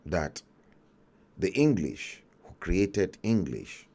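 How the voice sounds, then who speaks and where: Slow, emphatic Nigerian man telling a story. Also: low-pitched, very animated, darkish tone. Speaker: talk show host. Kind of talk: livestream commentary monologue.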